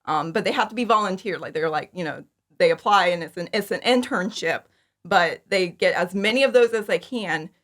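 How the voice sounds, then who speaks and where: A brisk, fairly low voice with a fairly bright tone belongs to a woman in her thirties guesting on a podcast. She makes fan audio dramas and chats informally through her interview answers, excited and giggly.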